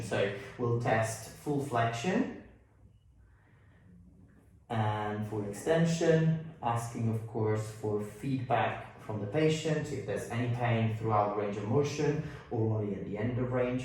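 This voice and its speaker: Man, clinician explaining, halting delivery, muffled by a face mask, strong room echo, far from microphone. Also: mid-range voice, darkish tone. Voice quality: slightly muffled from speaking through a face mask. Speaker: consultant osteopath and physiotherapist. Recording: very echoey room, distant mic.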